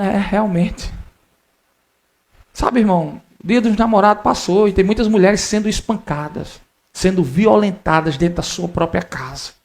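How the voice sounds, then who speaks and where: A man preaching a sermon in church, emotional and direct, often calling listeners brother and rising loud on appeals. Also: very high-pitched. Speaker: pastor.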